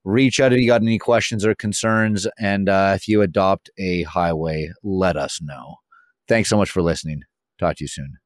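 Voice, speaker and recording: A man's voice: sits low, moderate pace, dry recording, clean studio sound. A Canadian man hosting a podcast in a casual, conversational style. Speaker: podcast host.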